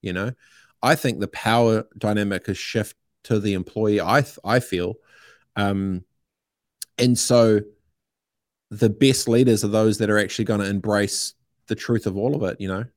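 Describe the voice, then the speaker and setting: A man's voice: fairly low pitch, steady tone, moderate pace, no echo, clean studio sound. A middle-aged man with a New Zealand accent, talking casually and emphatically as a podcast guest, with plenty of slang and swearing. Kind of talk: casual opinionated conversation.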